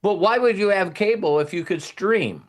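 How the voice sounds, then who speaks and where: Hosting a motivational team talk, a man with a somewhat high voice speaks casually at normal speed. He rambles in a folksy style, relying on anecdotes and plain language.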